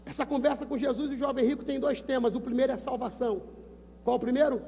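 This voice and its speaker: High-voiced preaching Brazilian pastor, booming hall. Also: male voice, steady tone, fast, gravelly, slight background noise. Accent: Brazilian Portuguese. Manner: emphatic preaching, repeats numbers, urges listeners to shout. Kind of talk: sermon at a youth event. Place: large gymnasium. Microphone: handheld microphone. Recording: long gymnasium reverb.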